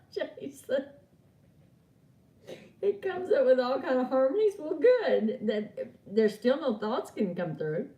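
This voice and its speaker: A woman's voice: high voice, sing-song, slow pace, long pauses, mellow. A woman giving an oracle card reading on a live stream, chatting and laughing with viewers she calls by name. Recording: echoey room, far from mic.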